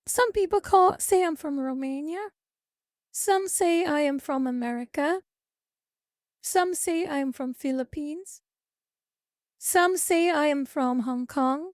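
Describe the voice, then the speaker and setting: A female VTuber streams live, casually reading viewer comments and delivering lectures to them. Her voice is high and a little mellow. The recording is dry and of studio quality.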